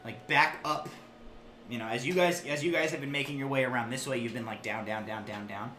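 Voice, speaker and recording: A man narrating a tabletop game as game master, haltingly, often searching for his words. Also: mid-range voice, slight background noise. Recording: echoey room, loud background music.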